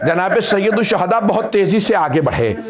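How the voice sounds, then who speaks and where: Male cleric, high voice, lamenting majlis recital that climbs into wailing cries. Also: expressive, normal speed, over a noisy crowd. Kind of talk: mourning sermon narration.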